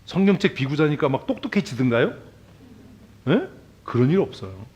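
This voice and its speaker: A male pastor preaching a sermon in a church, talking casually and bluntly, peppering the congregation with questions and swinging between loud emphasis and quiet asides. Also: fairly high pitch, sing-song, normal speed, muffled recording. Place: church sanctuary.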